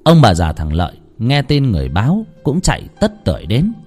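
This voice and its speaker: Expressive male ghost-story narrator, music behind. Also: medium pitch, brisk. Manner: expressive, varied delivery.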